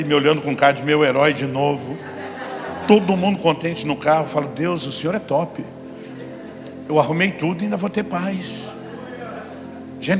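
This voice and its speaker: Animated man preaching in a reverberant hall. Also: a little high. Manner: animated storyteller, voices his son and himself. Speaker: pastor. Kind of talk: sermon with acted-out family story. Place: church hall. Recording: long hall reverb with music behind.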